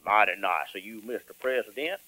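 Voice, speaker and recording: An actor playing a folksy old bullfrog who drawls homespun sayings, in 1940s radio acting. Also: male voice, fairly low pitch, brisk, bright, forceful tone, no echo, low-quality recording. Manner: rural drawl, says ain't and reckon.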